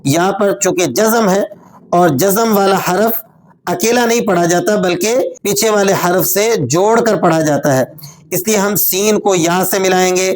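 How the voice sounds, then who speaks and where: A woman teaching Quran reading. She spells out syllables slowly and drawn out, then explains the rules at a quicker pace. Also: mid-range voice, a little mellow. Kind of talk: step-by-step recitation lesson.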